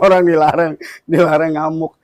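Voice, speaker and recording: A male Islamic preacher from Indonesia talks through his teaching conversationally, with frequent laughter and long repeated lists. His voice sits high for a man. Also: flat delivery, moderate pace, no room sound.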